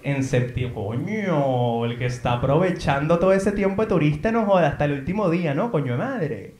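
A man's voice: a little high, lively intonation, moderate pace, darkish tone, roomy sound. A man with a Venezuelan accent doing playful, teasing crowd work on a theater stage. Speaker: stand-up comedian. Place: theater in Madrid.

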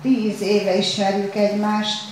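A woman's voice: mid-range voice, monotone, darkish tone, slight background noise, close to an everyday voice. A frightened pleading man, as a woman reads him aloud. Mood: anxious pleading. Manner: anxious, pleading, whispery. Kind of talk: read-aloud story. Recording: very echoey room, faint ambience.

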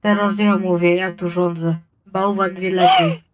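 A woman's voice: medium pitch, huge pitch swings, unhurried. A woman chatting casually and playfully while gaming, slipping into mock role-play. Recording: loud noisy game audio, clicks.

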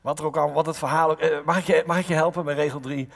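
A man's voice: a little high, quick pace, vocal fry. A Dutch man preaching a sermon as pastor, retelling a Bible story with acted-out lines and direct questions to his listeners. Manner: lively storytelling, voicing biblical characters, direct questions to the congregation. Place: church hall. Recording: long church reverb.

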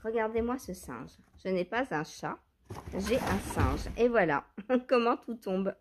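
A woman's voice: mid-range voice, lively intonation, measured pace, background noise. A woman chatting casually to viewers as she picks yarns at home, thinking aloud with hesitant fillers and questions, filming on a handheld phone. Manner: hesitant, musing, many fillers and self-questions. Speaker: knitting vlogger. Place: at home among her yarn stash.

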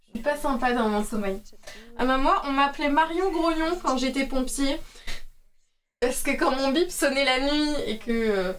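A woman's voice: high voice, normal speed, fairly bright tone, far from the mic. A tired woman in her thirties, a streamer chatting casually and rambling with lots of fillers while doing yoga at home. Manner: chatty and rambling, many fillers and asides to viewers. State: tired from night feedings. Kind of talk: casual live-stream chat.

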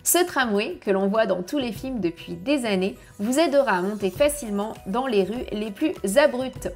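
Casting: travel vlogger woman, bright higher voice, friendly tips voice-over, light music under. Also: lively intonation, moderate pace. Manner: friendly advice-giving, direct to viewer.

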